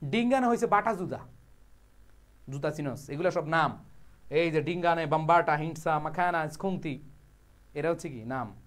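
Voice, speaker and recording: A young Bangladeshi man teaching as an English tutor, reading English lines slowly and explaining them in a casual, joking way. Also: fairly high pitch, lively intonation. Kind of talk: explaining a passage line by line.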